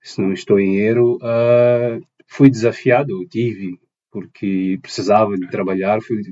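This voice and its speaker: A man's voice: on the low side, fairly even intonation, unhurried, dark tone, muffled recording. A young man from Mozambique, a podcast guest answering thoughtfully and searching for his words with many restarts. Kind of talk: conversational interview answers.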